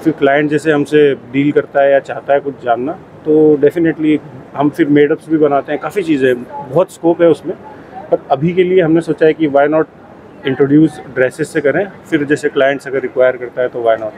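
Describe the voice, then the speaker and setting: A man from Jaipur, an exhibitor at a garments fair, answering interview questions in a mix of Hindi and English with many pauses. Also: on the high side, steady tone, darkish tone, slight background noise, low-quality recording. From Jaipur, India. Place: busy trade fair hall.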